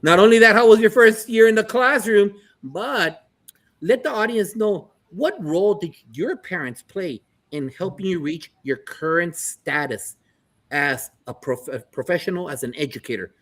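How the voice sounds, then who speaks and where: A man hosting a live educator panel show, energetic, giving shout-outs and mixing in Spanish phrases. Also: high voice, normal speed. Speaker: host.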